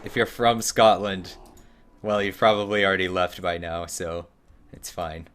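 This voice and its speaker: A man's voice: low-pitched, a little slow, a bit bright, clear, resonant tone. A man streaming a game, chatting casually about it and reading chat, rambling and self-mocking. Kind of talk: casual gameplay commentary.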